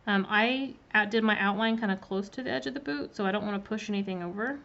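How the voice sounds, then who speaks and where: A woman's voice: medium pitch, fast, vocal fry, a bit bright. A woman chatting her way through a live-streamed cookie-decorating demonstration, greeting viewers by name with plenty of ums. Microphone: laptop mic. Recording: slightly muffled, faint background noise.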